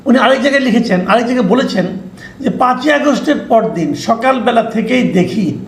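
High-voiced man giving news commentary. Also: lively intonation, roomy sound, a little hiss or hum. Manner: measured, explanatory, reads out quotes. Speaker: political commentator.

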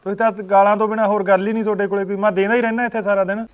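A man acting as a grown son who argues with his mother, his voice high and his words quick. He takes his sister-in-law's side in a short-film drama. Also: little pitch movement, close to an everyday voice. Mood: arguing. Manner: arguing, reasoning. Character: adult son defending his sister-in-law.

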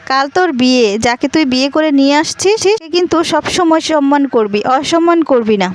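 Woman reading a firm, lecturing mother, high-pitched, plainly read recap lines. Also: fairly quick, no echo, lightly acted. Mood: stern. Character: stern caring mother, a doctor, lecturing her son.

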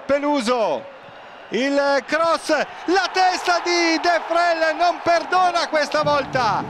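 A man giving excited, breathless play-by-play football commentary, with urgent goal calls. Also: very high voice, slow, crowd noise, noisy background. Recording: stadium ambience behind commentary.

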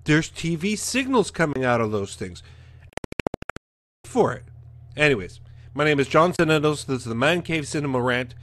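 There's background noise as a Canadian man in his forties rants bluntly to camera, hosting his show from the living room with a studio mic by the webcam. He speaks on the high side at normal speed, with big pitch swings and long pauses.

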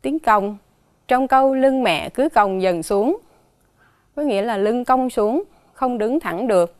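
Woman teacher with a Southern Vietnamese accent, fairly high voice, slow and careful as she spells out sounds for children, dry close recording. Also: expressive, no room sound. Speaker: primary school teacher. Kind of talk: dictation lesson for children.

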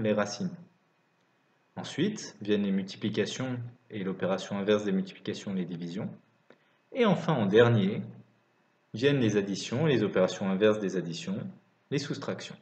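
A man's voice: fairly low pitch, a little mellow. A man teaching maths in a scripted lesson narration, dictating calculations piece by piece. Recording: roomy, slightly dull recording.

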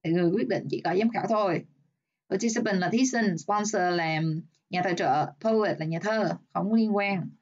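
A woman teacher with a Vietnamese accent goes through English exam answers one by one. She reads the example sentences slowly and explains each step. Her voice sits at a middle pitch, and the recording sounds slightly dull. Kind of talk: exam review lesson.

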